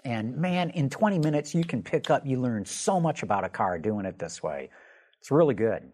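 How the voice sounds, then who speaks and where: A man's voice: medium pitch, lively intonation, normal speed, a little mellow. A man hosting a casual studio talk show, talking with enthusiasm and often repeating words. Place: studio showroom.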